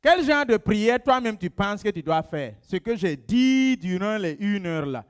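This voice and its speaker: A man preaching a sermon as pastor of his church, emphatic and repetitive, often acting out members of his congregation in a lowered voice. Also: big pitch swings, a little slow, smooth. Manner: emphatic, repeats phrases for stress.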